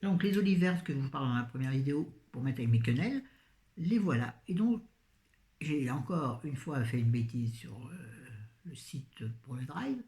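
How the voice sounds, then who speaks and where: A woman's voice: very deep voice, animated, normal speed, mellow. A tired woman with a fading voice, chatting in a scattered, self-mocking way about her grocery haul, recorded on a phone. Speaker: vlogger. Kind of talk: casual shopping haul chat. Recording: echoey room.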